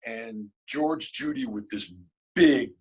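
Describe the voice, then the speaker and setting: A man, a guest in an interview, telling a story in a casual, animated and emotional way, cursing freely. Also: medium pitch, takes it slowly, breathy edge, low-quality recording.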